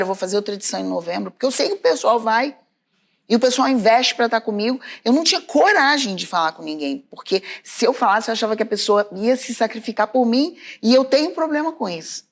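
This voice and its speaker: A woman with a Brazilian Portuguese accent, a podcast co-host telling stories in casual chat, calling out to her listeners. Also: mid-range voice. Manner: lively storyteller, exclaims to listeners.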